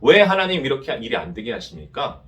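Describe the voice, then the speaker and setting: Pastor doing whiny resentful young guy griping at god, kinda loud. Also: mid-range voice, sing-song, fairly quick. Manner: whiny, complaining. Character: resentful young man Cain complaining to God.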